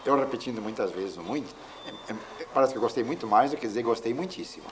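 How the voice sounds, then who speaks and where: Guy lecturing, calm and measured, mid voice, bit of faint hiss behind. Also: mid-range voice. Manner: measured, explains with examples and pauses. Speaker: linguistics lecturer. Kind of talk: explanatory lecture. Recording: faint background noise.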